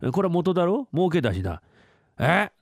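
A man doing a gruff Edo uncle. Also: sits high, very animated, normal speed, no room sound, studio quality, pitched above the performer's own voice, heavily acted. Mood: coaxing. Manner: rough, scolding Edo-style speech. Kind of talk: rakugo storytelling.

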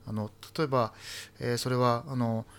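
A man in his thirties or forties, a poet guest talking in a halting, soft-spoken way with many fillers. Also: medium pitch, flat delivery. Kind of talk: casual talk-show conversation.

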